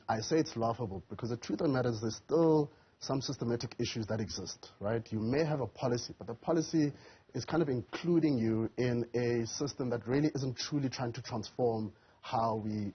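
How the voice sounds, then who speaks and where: A man's voice: medium pitch, slightly rough, dull audio. A man, a youth business advocate and entrepreneur, speaking emphatically as a guest on a TV panel. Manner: emphatic, keeps stressing his key words. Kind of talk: live TV panel discussion.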